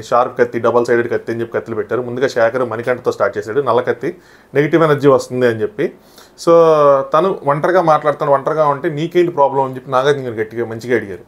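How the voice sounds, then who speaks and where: A man talks quickly at a mid-range pitch, running through a reality show episode as a reviewer. He keeps retelling scenes and slipping into short quotes of what others said. The delivery is casual and brisk. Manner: animated retelling of events, often quoting others.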